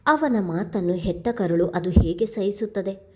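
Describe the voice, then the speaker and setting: A woman storyteller reading a serialized novel in a calm, measured narration. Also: on the low side, breathy edge.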